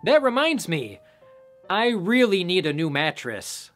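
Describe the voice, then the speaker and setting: Reviewer, man, sarcastic recap narration, lively pitch, faint music. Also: a little slow. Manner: sarcastic, joking asides. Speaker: movie reviewer. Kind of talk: comedic film recap narration.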